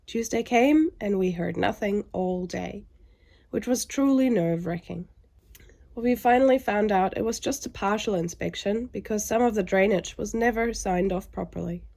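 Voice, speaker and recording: A woman's voice: medium pitch, normal speed, creaky, darkish tone. A woman sounding under the weather and weary, narrating a scripted vlog with frustration.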